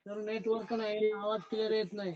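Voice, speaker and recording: A man's voice: sits high, monotone, fairly quick, highs cut off, over music. A man on a bad call connection, his voice faint and distant, politely saying the sound keeps dropping. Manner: short, polite complaints about the audio dropping. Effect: faint, distant voice on a breaking-up call line. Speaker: call participant.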